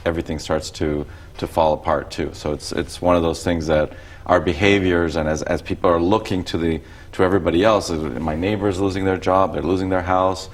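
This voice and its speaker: Deep-voiced man from costa rica, talk show guest, easygoing explainer. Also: fairly even intonation, fairly quick. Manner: explanatory, conversational. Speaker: economics instructor, guest.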